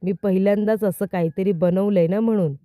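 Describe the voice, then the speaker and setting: A caring young woman speaks with affection and a fierce protective streak, read out by a female narrator. Her voice is dark and mellow, and the recording is dry. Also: mid-range voice, steady tone, fairly quick, dry recording, close to an everyday voice. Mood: cheerful.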